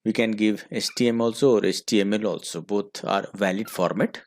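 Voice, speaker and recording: A man's voice: on the low side, a little fast, a little mellow, no room sound. A man with an Indian English accent teaching a school computer class, dictating code step by step. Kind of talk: screen-recorded coding lesson.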